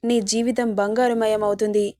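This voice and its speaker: A woman's voice: a little high, little pitch movement, moderate pace, dark tone, lightly acted. A woman voicing a kind mother-in-law who comforts her daughter-in-law and scolds her son. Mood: comforting.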